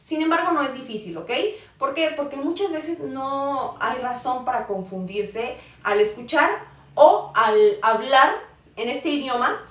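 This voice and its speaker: A woman's voice: high-pitched, expressive, measured pace. A woman teaching a live online Mandarin class, explaining patiently and often checking in with "ok?". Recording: roomy echo, voice far from the mic.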